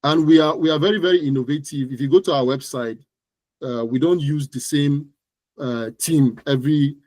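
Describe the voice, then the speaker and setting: On the high side and a little mellow, his voice moves at a moderate pace with no room sound. As an interview guest, the Nigerian-accented digital marketing entrepreneur discusses his own business conversationally, often repeating phrases for emphasis.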